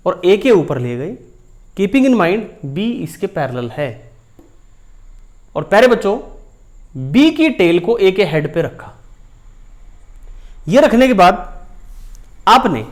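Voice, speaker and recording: A man teaching a physics lesson, explaining step by step while drawing and calling his students dear children. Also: high voice. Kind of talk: whiteboard lesson.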